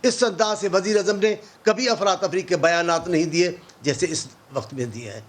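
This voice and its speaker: A man with a notably high voice argues as an opposition politician on a televised debate show. He is impassioned and biting, firing off rhetorical questions and sarcastic asides.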